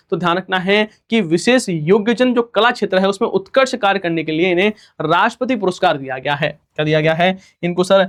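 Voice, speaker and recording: A man teaching a recorded exam-prep lesson, firing off questions and repeating each answer twice. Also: high-pitched. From India. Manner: rhetorical questions and repeated answers, student-style replies; fast-talking.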